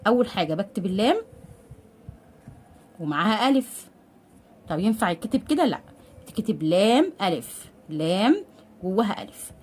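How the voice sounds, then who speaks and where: A woman with an Egyptian Arabic accent teaching a literacy lesson step by step. She stretches out syllables slowly and asks questions that she then answers herself. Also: medium pitch, a little mellow. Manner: patient, drawn-out sounding out of syllables.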